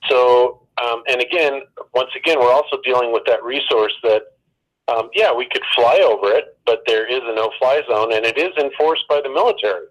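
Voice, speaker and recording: Man, phone guest, measured, explanatory, hesitant fillers. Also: medium pitch, lo-fi sound. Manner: measured, explanatory, many ums. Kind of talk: debate over the phone.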